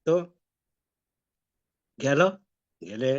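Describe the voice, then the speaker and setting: A man giving a devotional talk, telling a personal story in a conversational way. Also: extremely slow. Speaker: devotee preacher. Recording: dull lo-fi recording.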